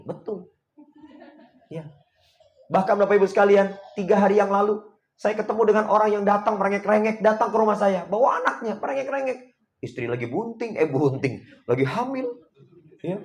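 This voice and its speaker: Man, motivational coach, slightly high pitch, animated, loud then hushed, chuckling. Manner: chuckles often while telling stories. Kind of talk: motivational seminar talk.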